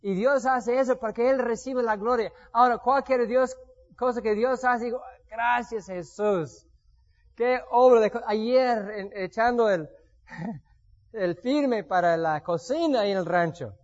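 A man's voice: very high voice, unhurried, highs cut off. A man giving a sermon with personal testimony, telling stories and acting out what he once said. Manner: storytelling, acts out his own past words. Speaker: preacher.

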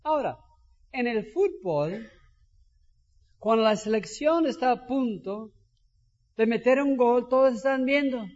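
A man preaching a sermon as pastor, animated and shouting for emphasis. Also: extremely high pitch, a little slow, long pauses. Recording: dull sound with long hall reverb.

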